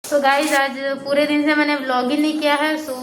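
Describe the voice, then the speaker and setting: A young woman vlogging casually on a phone she holds, feeling unwell and low on energy, talking softly with a rambling flow and many fillers. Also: little pitch movement, fairly quick, heavy reverb, a little hiss or hum, poor audio. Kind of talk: casual vlog chat. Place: room upstairs at home. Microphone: phone held in hand.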